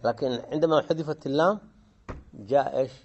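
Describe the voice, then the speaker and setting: A man teaching a grammar lesson, often pausing to quiz his students and repeating key phrases. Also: fairly high pitch, darkish tone, lo-fi sound, slight background noise. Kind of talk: classroom lesson explaining a grammar poem.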